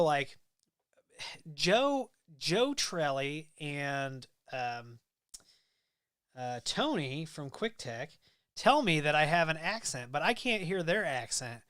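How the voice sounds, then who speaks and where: A Midwestern American livestream host reads viewer comments and rambles easily through a casual stream, with lots of ums and restarts. His fairly high voice is a bit bright and clean, captured in clean studio sound with no echo.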